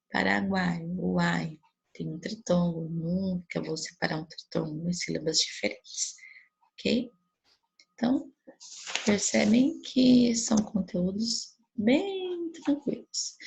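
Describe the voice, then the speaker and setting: In a recorded grammar review lesson, a Brazilian woman teacher explains patiently and steadily, often stopping with checks like "né?" and "tá?" to make sure the class is following. Her medium-pitched voice is very gravelly and rough, strongly husky with a breathy edge, and carries a Brazilian Portuguese accent.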